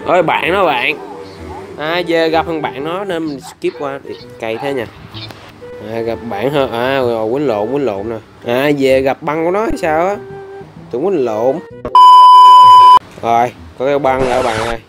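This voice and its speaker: A man talks through a game in casual commentary at a middling pitch. He is excitable, swearing and laughing as he reacts loudly to what happens on screen, with clear music playing behind him. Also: measured pace. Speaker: gaming channel host.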